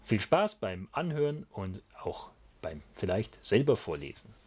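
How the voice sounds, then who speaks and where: A man reading a rhyming children's story aloud in an expressive, sing-song manner. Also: on the low side, a little slow, husky.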